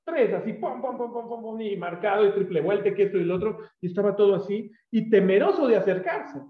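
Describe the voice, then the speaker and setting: A man's voice: high voice, fairly quick, echoey room, phone-quality sound. A man with a Mexican Spanish accent, preaching a sermon and telling stories as a pastor and teacher, acting out the voices of the people in them. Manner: animated, acts out quoted voices. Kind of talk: sermon with storytelling.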